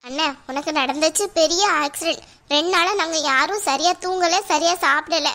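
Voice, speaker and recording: A woman's voice: sits high, normal speed, sharp tone. A woman voicing an earnest, protective younger sister who worries over her injured brother, in a cartoon. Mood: concerned. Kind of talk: cartoon voice acting.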